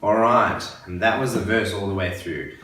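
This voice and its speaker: A man's voice: low-pitched, a bit bright. A man giving a patient, step-by-step guitar lesson for beginners, counting beats and repeating each step. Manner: patient, explains slowly and repeats steps. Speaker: guitar teacher. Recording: very echoey room, voice a bit far from the mic, guitar playing.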